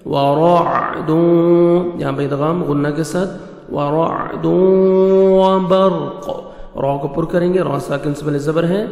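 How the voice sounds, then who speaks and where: A man teaching Quran recitation, explaining each letter's pronunciation in brisk steps and chanting verses slowly and melodically. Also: a little high, fairly even intonation, a little mellow, roomy sound, in a large hall.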